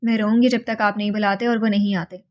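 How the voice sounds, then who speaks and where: A woman's voice: medium pitch, flat delivery, a little mellow, lightly acted. A woman voicing a stubborn, frightened young woman held captive, pleading and defiant by turns.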